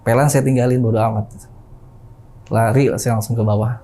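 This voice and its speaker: Mellow-voiced man telling a ghost story. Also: medium pitch, steady tone, moderate pace. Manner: chatty, keeps calling the listener "Bang", imitates sounds. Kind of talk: casual spoken storytelling.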